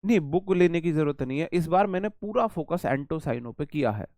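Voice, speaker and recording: A man's voice: on the high side, expressive, fairly quick, darkish tone, no echo. A man teaching English vocabulary in a live online class, chatty and repeating words while he explains memory tricks and answers the chat.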